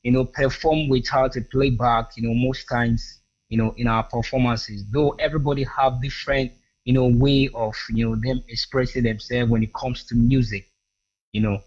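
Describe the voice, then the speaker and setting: A man guesting on a radio interview, with a mid-range voice. He restarts his sentences often and fills every pause with "you know." The audio is dull and lo-fi. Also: mid-range voice, fairly even intonation, darkish tone. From Edo State, Nigeria. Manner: hesitant, full of "you know" fillers and restarts. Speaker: singer and guest.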